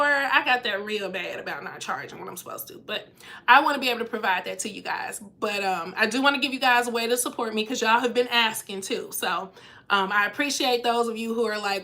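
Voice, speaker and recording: A woman's voice: fairly high pitch, sharp tone. A young woman chatting casually on a live stream as a cruise vlogger and travel agent, her voice nasal and congested from a cold. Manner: chatty, reads out viewer comments.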